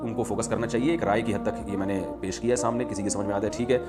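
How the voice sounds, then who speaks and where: A man's voice: lowish voice, steady tone. Man explaining a religious ruling over music. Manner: explanatory, measured, with many "aa" fillers. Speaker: Islamic scholar answering questions. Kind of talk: religious question-and-answer talk. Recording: music playing under the voice.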